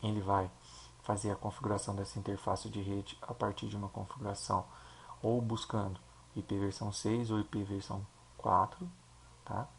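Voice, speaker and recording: Gravelly-voiced Brazilian man teaching software. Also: on the low side, flat delivery, moderate pace, a little hiss or hum. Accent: Brazilian Portuguese. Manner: explanatory, checks in with "tá?" and "ok?". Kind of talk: screen-recorded software tutorial.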